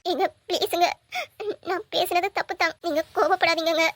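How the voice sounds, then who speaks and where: A woman's voice: very high-pitched, fairly even intonation, normal speed, fairly bright tone, no echo, studio quality. A woman voicing a meek, devoted young wife in a cartoon, pleading and apologetic. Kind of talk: cartoon voice acting.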